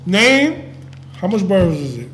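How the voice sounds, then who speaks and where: A man's voice: high voice, sing-song, measured pace, a bit bright, a little hiss or hum. A man guesting on a casual podcast, pushing the others with question after question. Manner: pushy, keeps steering and pressing with questions. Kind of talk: casual bar-table chat. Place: rented event space, indoors.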